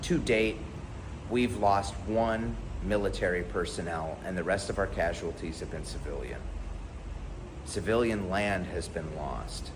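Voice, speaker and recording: Man from the US, vlogger; deep voice, forceful and emphatic, with clear background noise behind him. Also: a little slow. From United States. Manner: earnest, emphatic, blunt. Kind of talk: impassioned direct-to-camera commentary.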